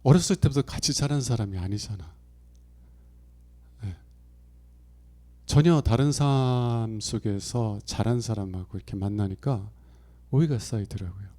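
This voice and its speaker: A middle-aged pastor from Province, preaching a sermon in a conversational, storytelling way and acting out quoted lines with big jumps in loudness. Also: male voice, on the low side, a little slow, long pauses. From Chungcheong Province, Korea. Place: church sanctuary.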